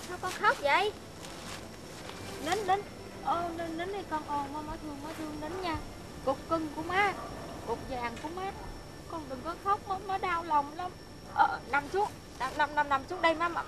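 A woman playing a frail, confused old grandmother, speaking softly and faintly in a comedy sketch. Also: sits high. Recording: loud background noise.

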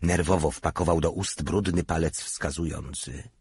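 A man narrating an audiobook in a measured, steady reading. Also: a bass voice, gravelly, husky. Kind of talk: scripted narration.

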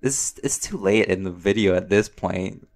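A low-pitched male voice at normal speed belongs to a channel creator and voice actor taking fan questions. He rambles casually, chatty and playful with plenty of slang, interrupts himself often and giggles a lot, with music underneath.

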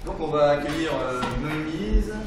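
A man's voice: a little high, lively intonation, unhurried, recorded from a distance, over loud music. A man hosting a startup demo night, casually introducing the next speaker with fillers and a joke. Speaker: event host and emcee. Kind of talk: stage emcee introducing speakers. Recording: echoey hall, heard from afar.

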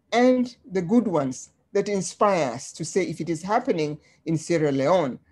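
A woman from Tanzania presenting slides on a webinar in a measured way, with frequent ums, over a video call. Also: lowish voice, a little mellow.

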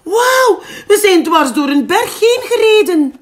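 Woman doing a little storybook frog, high and squealing, loud with wonder. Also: very animated, takes it slowly, full character voice. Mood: thrilled. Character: small excited male frog on his first trip.

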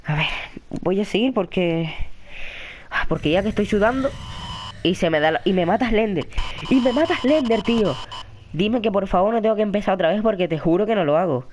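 Jumpy Spaniard narrating a horror game. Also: male voice, sits high, brisk, a little hiss or hum. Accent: Spain Spanish. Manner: jumpy, excitable, yelps and shrieks when startled; chatty, talks to viewers and a friend in the room. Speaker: gaming commentator. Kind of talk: horror let's-play commentary.

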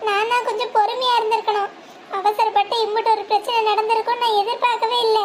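A performer voicing a meek young wife, who pleads and apologetically blames herself. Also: female voice, very high voice, flat delivery, quick pace, slight background noise. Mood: pleading.

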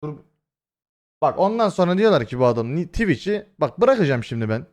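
A young man chats casually on his live stream, swearing freely, rambling with lots of fillers, and speaking straight to chat. His fairly high voice is very animated, a little fast, and a little mellow, though it's been hoarse lately.

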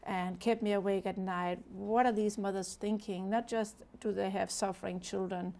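On a TV studio set, a Danish woman who founded a charity speaks as a guest in an earnest interview, with a Danish accent and many fillers and restarts. Her mid-range voice is mellow and steady, at normal speed, with vocal fry.

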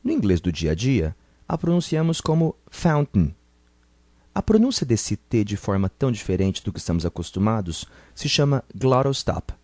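A man teaching English pronunciation in a scripted lesson, saying each model word slowly and carefully so learners can repeat it. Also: lowish voice, very animated, warm tone, no echo.

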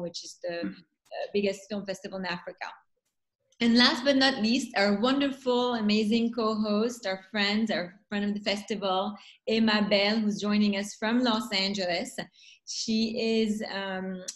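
A woman with a French accent, a festival founder introducing guests on a video call, talking with many pauses and fillers. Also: medium pitch, low-quality recording. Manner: hesitant, many fillers, warm welcoming. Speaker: festival founder hosting a panel.

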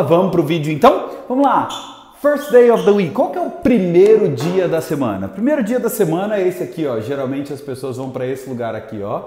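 Guy teaching english on video, bouncy animated voice, slows way down on the words, echoey room with long reverb. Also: fairly high pitch. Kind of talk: video lesson to camera.

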